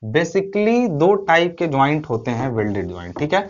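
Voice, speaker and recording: A man's voice: fairly high pitch, very animated, moderate pace, muffled recording. A man teaching a recorded online lecture, explaining step by step, asking his own questions and answering them, and often checking in with short tag phrases. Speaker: civil engineering teacher.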